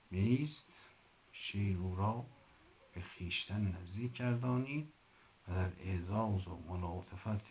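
A man's voice: fairly low pitch, slight background noise. A man teaching a literature lesson. He reads classical prose aloud, explains it in plain speech, and stops to correct his own pronunciation. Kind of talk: explaining a classical Persian text line by line.

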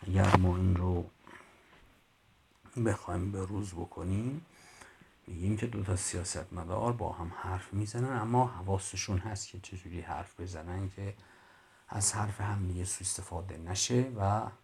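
Low rough-voiced guy reading old persian-style prose and breaking it down for students, faint hiss on the recording. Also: darkish tone. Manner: reads old prose aloud, then explains it in plain speech; stops to correct his own pronunciation. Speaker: literature teacher. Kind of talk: explaining a classical Persian text line by line.

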